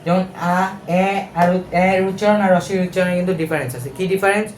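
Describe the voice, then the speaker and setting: A man's voice: sits high, fairly even intonation, rapid-fire, reverberant, a little hiss or hum. A young man with a Bangladeshi accent, teaching an exam-prep lesson step by step, asking questions and correcting himself as he goes. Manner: explains step by step with rhetorical questions; colloquial, with fillers and self-corrections.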